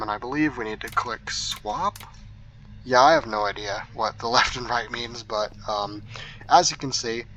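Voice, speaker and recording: Bright-voiced man on a low-quality stream. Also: slight background noise. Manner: relaxed, rambling, with frequent ums and hedges. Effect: low-quality audio capture. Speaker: mod review video host. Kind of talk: casual gameplay walkthrough.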